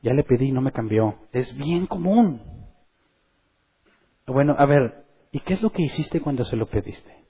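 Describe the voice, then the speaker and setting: A man preaching a sermon in church, lively, and acting out the voices of the people he quotes. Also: mid-range voice, a little slow, long pauses, husky, dull audio. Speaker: pastor.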